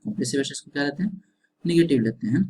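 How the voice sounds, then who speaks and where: A man's voice: fairly high pitch, lively intonation, rapid-fire, warm tone, husky, low-quality recording. Man lecturing, questions and answers himself. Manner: repeats questions and answers, frequent tag "है ना". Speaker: engineering teacher. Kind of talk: classroom lecture.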